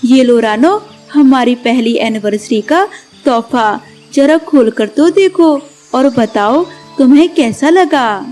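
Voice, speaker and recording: A woman's voice: high-pitched, expressive, slow pace, darkish tone, soft background music, pitched below the performer's own voice. A woman voicing a loving young male sparrow husband in a cartoon, speaking in an affectionate, coaxing way.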